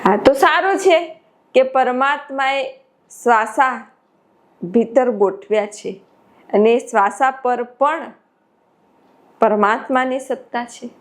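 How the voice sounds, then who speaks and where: Slight background noise sits under a high-voiced woman's slow, unhurried devotional sermon. As a spiritual teacher, she develops each point through repeated phrases for emphasis.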